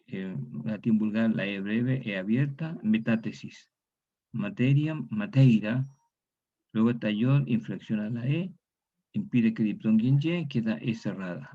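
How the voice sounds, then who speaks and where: A man's voice: fairly low pitch, creaky, slightly rough. A man teaching a class on historical grammar, repeating each key word and often tagging his statements with a question. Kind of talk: online lecture on historical grammar. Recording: dull lo-fi recording.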